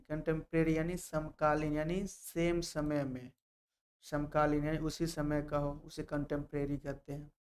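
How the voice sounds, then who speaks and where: In this English vocabulary lesson, a man from Bihar, India, repeats each word and spells it letter by letter while explaining its meaning. He speaks with a clean, darkish tone and a somewhat high pitch.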